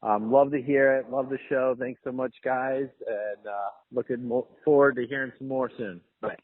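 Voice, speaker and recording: A man's voice: mid-range voice, fairly even intonation, normal speed. A man from Ohio leaving a casual voicemail over a landline phone, hesitant and full of ums and uhs. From Ohio, USA. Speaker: listener leaving a voicemail request. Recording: tinny phone-line voicemail.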